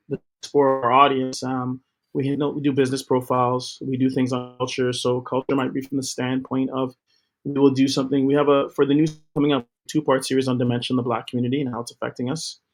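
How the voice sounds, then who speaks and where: A man's voice: medium pitch, level tone, fairly quick. A middle-aged man talks about his work as an interview guest in an upbeat, promotional way, with a few fillers along the way. His voice sits in a mid-range register. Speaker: guest, TV co-founder. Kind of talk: interview talk.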